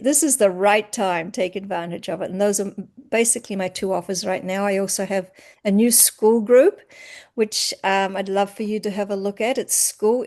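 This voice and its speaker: A woman chats in a relaxed, reflective way about her coaching work. Her voice sits in an ordinary middle pitch, and she often lets her phrases fade softly. The overall feel is an easygoing interview conversation. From New Zealand. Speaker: empowerment coach. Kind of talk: casual interview chat.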